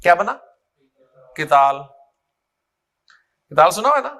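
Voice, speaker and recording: A man teaches grammar at an unhurried pace, drilling words one by one and calling on students. His voice sits high and sounds bright and clear. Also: sing-song. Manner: drills words slowly, repeating and quizzing students. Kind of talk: classroom lesson.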